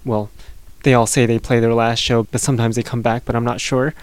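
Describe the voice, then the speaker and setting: Monotone radio dj guy, robotic and deadpan, smooth clear voice, really dry sound, announcing songs. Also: medium pitch, a little fast, no room sound. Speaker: radio host of a punk rock music show. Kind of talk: radio music show presenting, song back-announcing.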